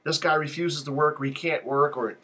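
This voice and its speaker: A man hosts a live call-in stream in a rambling, unscripted monologue, drifting off topic and cracking jokes. His voice is husky and breathy, with a bright, forceful edge and a pitch a little above most men. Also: fairly even intonation, a little fast. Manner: digressive, loose and joking. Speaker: live call-in show host.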